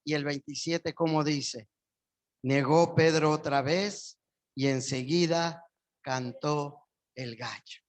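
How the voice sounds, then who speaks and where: A man's voice: on the high side, slow pace. A male pastor preaching a sermon in church, his voice surging up with emphasis on key phrases.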